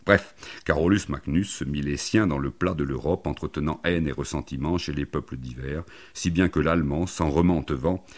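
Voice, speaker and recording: A man narrating an absurd comic story in a deadpan, mock-learned way, full of wordplay. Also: rumbling low.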